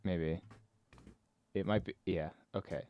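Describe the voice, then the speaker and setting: A man talking casually and haltingly as a player and tech operator on a game stream. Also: sits low, fairly even intonation, no echo, dull audio.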